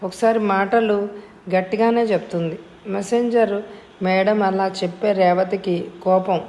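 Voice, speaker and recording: A woman narrating a novel in a steady, measured storytelling voice. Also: medium pitch.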